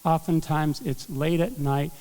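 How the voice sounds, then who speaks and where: A middle-aged male pastor preaching a sermon in an earnest, conversational way, clearing his throat now and then. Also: a little high, measured pace, mellow. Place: church sanctuary. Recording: long hall reverb.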